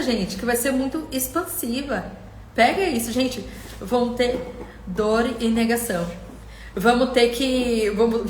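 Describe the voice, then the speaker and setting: Addressing viewers directly on a live stream, a passionate middle-aged woman coach gives an emotional talk, acting out their words in different voices. Her pitch is high, the sound is roomy, and there's a little hiss or hum.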